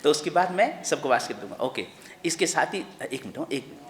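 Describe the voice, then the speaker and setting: A man's voice: fairly high pitch, sing-song, a little fast, crowd noise. A man, a Jain monk, speaks to a congregation with a fervent and repetitive manner, addressing listeners like family. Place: large temple hall. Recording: echoey hall with long reverb.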